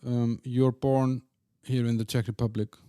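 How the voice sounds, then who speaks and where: A man's voice: medium pitch, little pitch movement, a little slow, warm tone, clear, resonant tone, no echo, studio quality. A man hosting a podcast interview, asking his guest questions in a loose, rambling way. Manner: rambling, with many fillers and restarts. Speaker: podcast host. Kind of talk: casual interview.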